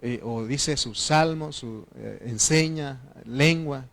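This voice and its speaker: A man with a Mexican Spanish accent preaching a sermon as pastor, animated and shouting at times, calling his congregation "brothers" and asking them to answer "amen". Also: medium pitch, slow, vocal fry. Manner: addresses the congregation as brothers, asks yes or no.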